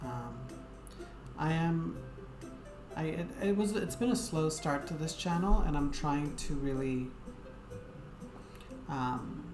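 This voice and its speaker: Speaking slowly and pausing often, a woman with a low-pitched voice chats with her stream viewers. Her game-streaming talk is casual, meandering and full of fillers and hesitation, recorded in an echoey room with game music.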